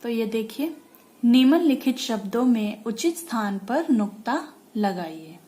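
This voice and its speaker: A woman's voice: on the high side, lively intonation, measured pace, dark tone. A woman teaching a Hindi pronunciation lesson, repeating each word several times for practice and checking in often with her listeners. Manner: checks in with frequent "ठीक है". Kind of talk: classroom-style lesson explaining pronunciation.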